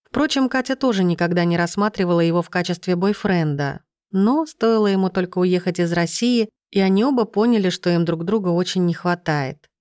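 Low-voiced woman narrating a story. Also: brisk, a little mellow, no echo, studio quality. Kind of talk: audiobook narration.

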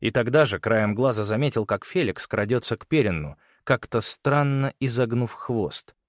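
A man narrating an audiobook in a measured, dramatic storytelling manner. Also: medium pitch, expressive, no echo, clean studio sound. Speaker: audiobook reader.

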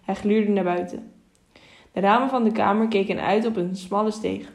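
A woman narrating an audiobook in a steady, measured reading voice, with small self-corrections. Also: mid-range voice. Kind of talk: storybook narration.

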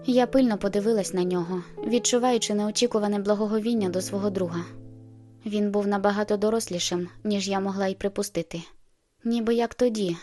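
A woman narrating an audiobook in the first person, with steady, measured storytelling. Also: mid-range voice.

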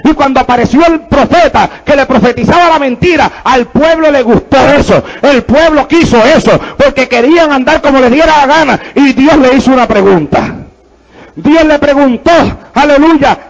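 Male pastor, strikingly high gravelly voice, fervent sermon delivery. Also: moderate pace, rough recording. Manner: fervent preaching with repeated praise interjections.

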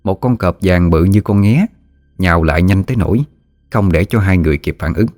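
A man narrating a ghost story in a steady storytelling manner. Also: low-pitched, brisk, dry recording, studio quality. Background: soft music.

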